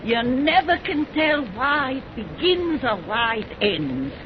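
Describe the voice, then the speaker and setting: Cackly old witch crone on a radio horror show, slow drawn out folksy talk, gleeful, muffled noisy old recording. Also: high voice, big pitch swings, exaggerated voice. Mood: sly glee. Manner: folksy rustic dialect, gleeful, drawn-out words. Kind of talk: 1930s radio horror acting.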